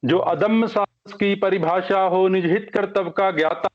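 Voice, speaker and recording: A man reciting his poem slowly at an online poetry gathering. He is heard over a phone or call line and says each couplet twice. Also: sits high, fairly even intonation. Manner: measured, repeats each couplet. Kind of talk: slow sung-spoken Hindi poetry recitation. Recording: dull lo-fi call audio.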